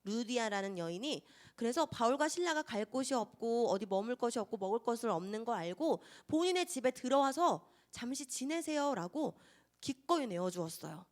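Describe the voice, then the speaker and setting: Young woman Sunday school teacher, animated storyteller voice, quizzes the children. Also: a little high, a little fast, few pauses. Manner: lively, asks children questions and acts out scenes.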